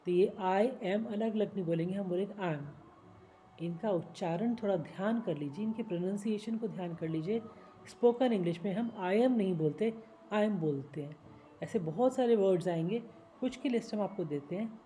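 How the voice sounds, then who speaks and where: A woman teaching spoken English, spelling out long words slowly, syllable by syllable. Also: mid-range voice, mellow, slight background noise, poor audio. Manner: slow, syllable-by-syllable spelling and pronunciation.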